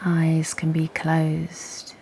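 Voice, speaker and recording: Speaking in a monotone, the meditation guide stays gentle and unhurried, leaving long pauses in her very slow, soothing delivery. Her voice is low and breathy with a creaky edge, frequently falling to a half-whisper over some ambient noise.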